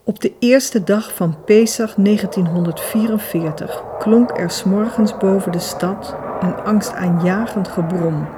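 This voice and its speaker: A woman reading a novel aloud in steady, measured audiobook narration. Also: mid-range voice, noisy background. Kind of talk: scripted narration.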